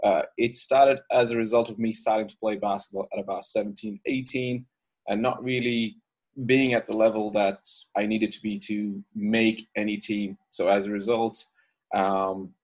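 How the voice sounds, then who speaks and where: Guest: male coach, lowish voice, easygoing and reflective. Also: fairly even intonation, moderate pace. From Ireland. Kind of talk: casual podcast interview.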